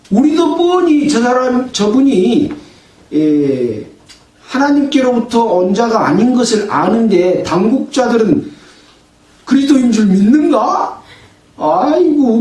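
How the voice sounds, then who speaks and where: High, lively-voiced pastor preaching. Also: male voice, far from the mic. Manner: asks the congregation questions and answers them himself; raises his voice to act out the quoted sayings. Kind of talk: sermon. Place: church. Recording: echoey room, voice from afar.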